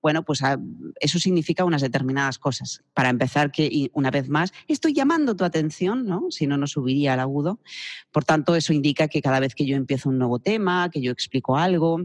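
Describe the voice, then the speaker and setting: A man explaining how to use the voice, as a speaking coach in a radio interview, demonstrating pace and pitch changes as he talks. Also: fast talker, dry recording, clean studio sound, big-room sound.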